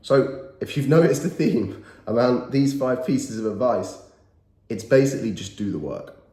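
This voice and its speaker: Animated and dark-toned, a mid-range male voice at a moderate pace belongs to a motivational YouTuber in his thirties who is nasal from a cold. He speaks to camera with earnest emphasis, repeating his key phrases, against a roomy echo.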